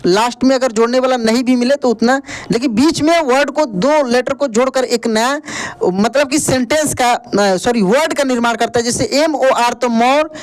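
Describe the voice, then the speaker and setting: A man's voice: very high voice, normal speed. A male teacher in an online video lesson, spelling words out letter by letter and calling the viewers friend. He asks the viewer questions and then answers them himself. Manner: repeats "ध्यान दीजिएगा" and calls viewers friend. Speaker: English teacher.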